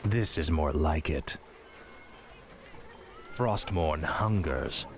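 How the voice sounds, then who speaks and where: An actor playing an ancient undead death knight king in a fantasy video game, rasping, cold and imperious, speaking with ominous, contemptuous command. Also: a bass voice, extremely slow, heavily acted. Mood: cold menace. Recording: loud game music over the voice. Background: loud music.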